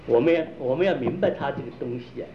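A man's voice: medium pitch, quick pace. Man drilling listeners with questions, lo-fi. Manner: rhetorical questions, drilling points. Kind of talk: explaining and quizzing listeners. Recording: dull lo-fi recording with faint noise.

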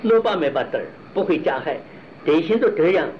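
A man teaching Buddhist philosophy in a slow, halting lecture, often repeating and restarting his phrases and asking rhetorical questions. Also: a little high, expressive, highs cut off, a little hiss or hum.

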